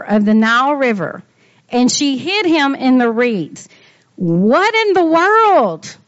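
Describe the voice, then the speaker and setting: A woman leads a Bible lesson in a high, bright-toned voice. She talks straight to her listeners and keeps an animated back-and-forth going. The recording is dry, with little room sound, and slightly dull. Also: no echo. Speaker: Bible teacher.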